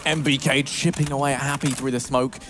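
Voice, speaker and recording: A man doing live esports play-by-play commentary as a caster, building from measured analysis to excited calls. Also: mid-range voice, background noise.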